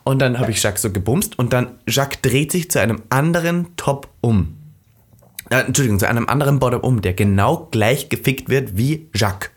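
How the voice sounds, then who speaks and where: A man with a husky, slightly breathy voice chats on a podcast. He tells cheeky, animated anecdotes at a middle pitch. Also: fairly quick. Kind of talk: casual chat.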